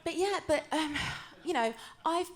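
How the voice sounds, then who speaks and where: A woman's voice: very high-pitched, animated, unhurried. A woman, a comedian, telling stories in a chatty, self-mocking way in a live stand-up show. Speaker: comedian and impersonator.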